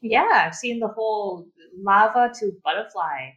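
On dull-sounding audio, a woman from Thailand chats in a friendly way as a podcast guest, frequently fixing her sentences partway through. She's a project manager in a casual interview, speaking at a measured pace with a mid-range, fairly bright voice.

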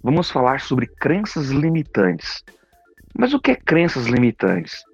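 A man's voice: mid-range voice, very animated, measured pace, breathy edge, no room sound. A man with a Brazilian accent, a psychologist hosting a podcast, giving an earnest, folksy motivational monologue. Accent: Brazilian Portuguese. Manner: earnest, folksy, frequent "né" tags. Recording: dull, dry recording with faint music.

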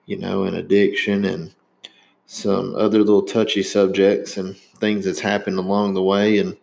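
A man in his thirties from Indiana with a Southern accent hosts a podcast, rambling casually with many fillers and restarts. His low voice is flat and a little mellow, with vocal fry, at a moderate pace.

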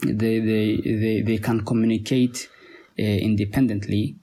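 A man with a Somali accent, a native Somali speaker, talking as a podcast guest in a halting way, with many pauses and repeated words. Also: fairly low pitch, level tone, warm tone. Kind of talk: conversational interview.

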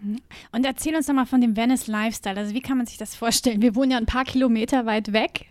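A woman hosts a podcast in a friendly, chatty way and shares her own stories. Her voice sits a little high. The recording is close and dry, with no room echo. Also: fairly even intonation, fast talker, darkish tone. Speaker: podcast host. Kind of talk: casual chat.

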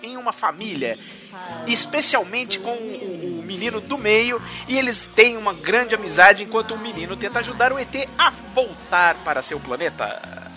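A man's voice: high-pitched, expressive, normal speed, music in the background. A man co-hosting a podcast, playfully giving a plot summary with emphasis. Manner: playful, reads a synopsis with emphasis. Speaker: podcast co-host. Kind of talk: casual podcast chat.

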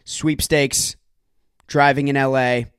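A man's voice: medium pitch, flat delivery, takes it slowly, clear, resonant tone, no room sound, studio quality. A young man hosting a solo comedy podcast, doing exaggerated mock-angry rants laced with swearing. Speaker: podcast host.

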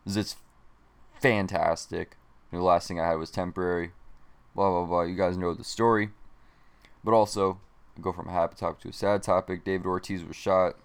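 A young man hosting his own sports podcast, talking casually and rambling, with a self-admitted monotone delivery. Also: low voice, moderate pace, long pauses, clean tone. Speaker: podcast host.

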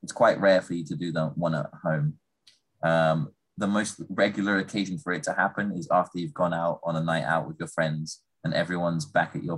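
A young man from England with a very low voice talks in a relaxed, rambling way. His tone has a husky edge, and he pads his answers with easy fillers. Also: low-quality recording. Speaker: conversation partner. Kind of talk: casual chat.

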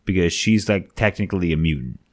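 A man's voice: low-pitched, animated, fairly quick. A man co-hosting a casual chat show, easygoing and agreeable, often chiming in. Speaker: podcast co-host.

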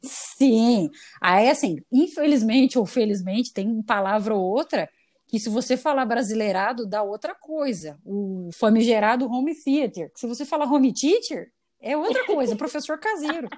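A woman who is a guest on a podcast, ranting in a lively, profane, casual way. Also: fairly high pitch, moderate pace. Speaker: guest artist and English teacher.

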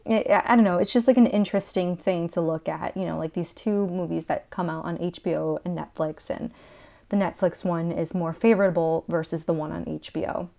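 A woman's voice: lowish voice, fairly even intonation, a little fast, gravelly, warm tone. A woman co-hosting a casual movie review chat, chatty with frequent "like" fillers. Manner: chatty, lots of "like" fillers, laughs often. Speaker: podcast co-host.

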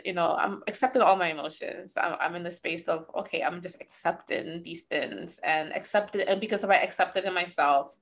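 A woman hosting a podcast, talking casually and candidly, swearing freely and laughing often. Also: on the low side. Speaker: podcast host.

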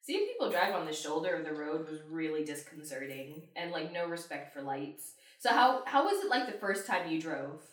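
A woman's voice: low voice, big pitch swings, moderate pace, hardly any pauses, recorded from a distance. A woman in casual chat who listens closely and puts in short questions. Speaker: interviewer. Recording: echoey room, off-mic.

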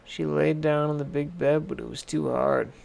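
A man reading a children's fairy tale aloud in a gentle, deliberate manner. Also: on the high side, fairly even intonation, vocal fry. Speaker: storyteller.

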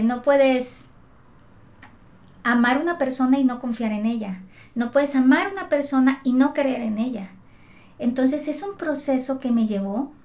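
A woman's voice: fairly high pitch, gravelly, darkish tone. Earnest woman sharing her faith. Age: adult mother. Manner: earnest, emotional, with many restarts. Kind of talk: heartfelt testimony in conversation.

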